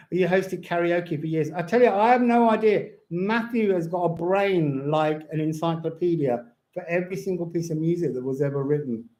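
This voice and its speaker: An unhurried, mellow man with a highish voice chats casually on a live stream from his home, giving tarot and astrology readings. His manner is rambling and whimsical, punctuated by bits of song, and his words come out slightly slurred because he has no teeth.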